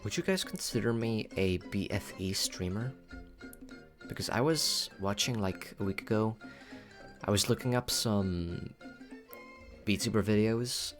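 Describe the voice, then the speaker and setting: A VTuber livestreamer from the Philippines, with a fairly low voice, rambles casually to his chat in a playful, cutesy way, often repeating his phrases. Music plays clearly in the background.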